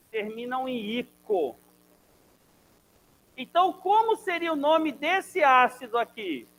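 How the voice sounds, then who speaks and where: A man's voice: extremely high pitch, a bit bright, poor audio. A man teaching a chemistry class in Brazilian Portuguese, energetically drilling students through a chanted mnemonic. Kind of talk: classroom lesson.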